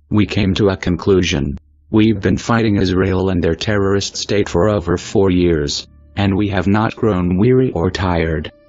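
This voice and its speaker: A man with a disguised, digitally deepened voice, delivering a solemn, measured statement as an anonymous spokesperson. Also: a little mellow, dry recording. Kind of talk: scripted statement. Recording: muffled lo-fi audio with faint music behind.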